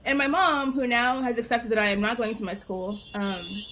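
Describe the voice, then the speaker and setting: A young adult woman in casual conversation, telling a personal story in an animated way, laughing often and saying "like" a lot. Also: a little high, normal speed. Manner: animated, laughing, heavy use of "like". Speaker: guest storyteller. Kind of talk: casual interview chat.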